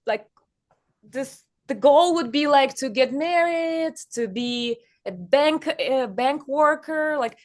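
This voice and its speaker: A young woman from Kazakhstan, a guest chatting in an interview on stage, speaking haltingly with many fillers. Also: high voice.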